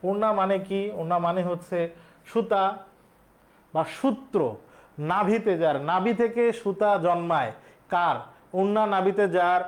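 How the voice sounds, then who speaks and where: A male teacher, explaining exam questions step by step and quizzing his students. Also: high voice. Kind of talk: exam-prep lesson.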